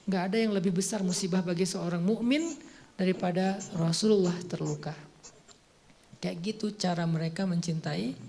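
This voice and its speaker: A man's voice: high-pitched, creaky, a little mellow, slight background noise. A man in his forties from Aceh, preaching in an informal, chatty storytelling way. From Aceh, Indonesia. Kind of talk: casual conversational sermon.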